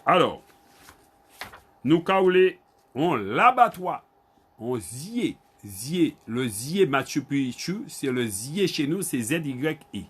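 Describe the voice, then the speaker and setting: This online Creole teacher speaks with a Guadeloupean accent in a slightly high, breathy voice that swings widely in pitch. He repeats words slowly, spells them letter by letter, and calls on learners by name.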